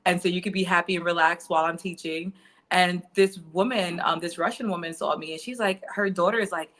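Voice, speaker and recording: A woman in her thirties talks through her stories as an interview guest, her voice bright and forward. She talks loosely, filling her sentences with "um" and "you know.". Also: fairly low pitch, fairly even intonation, fairly quick. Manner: chatty, many fillers like um and you know. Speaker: guest financial educator. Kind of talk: casual interview storytelling.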